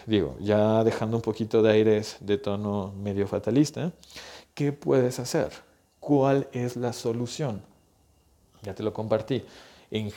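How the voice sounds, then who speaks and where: A man's voice: lowish voice, mellow. A young man, a physical therapist giving earnest, urgent health advice straight to the listener. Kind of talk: direct-to-camera health advice.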